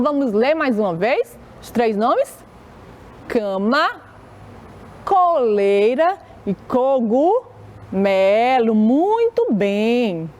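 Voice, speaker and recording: A woman teaches a children's reading lesson on television, stretching each syllable slowly. Her voice sits a little high and swoops up and down in a lively sing-song. She talks patiently and unhurriedly. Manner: slow, drawn-out syllables, calls herself "tia".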